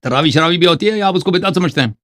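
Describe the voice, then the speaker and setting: A man's voice: on the high side, expressive, a bit bright, no echo, clean studio sound. A man hosting a heated religious debate, pressing his opponent with repeated, insistent questions. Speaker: debate host.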